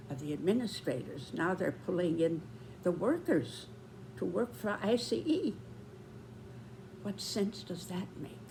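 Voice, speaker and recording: A woman in her nineties giving reflective spoken commentary, with deliberate, measured phrasing and pauses. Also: deep voice, vocal fry, noisy background. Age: 90s.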